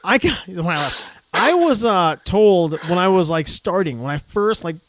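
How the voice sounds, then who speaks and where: Middle-aged male co-host, high voice, dry close mic, animated storyteller. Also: normal speed, no echo. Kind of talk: casual podcast chat.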